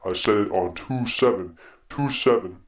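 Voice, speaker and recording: A man with a very low voice chats casually on a podcast, cocky and needling, with the odd curse word. His voice carries a roomy echo. The sound is a bit dull and muffled. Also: normal speed. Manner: boastful, teasing, swears freely. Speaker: podcast co-host. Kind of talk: casual chat.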